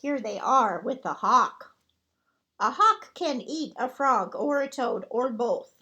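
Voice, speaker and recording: A woman librarian reading a picture book aloud to children, gentle and expressive. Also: on the high side, slow pace.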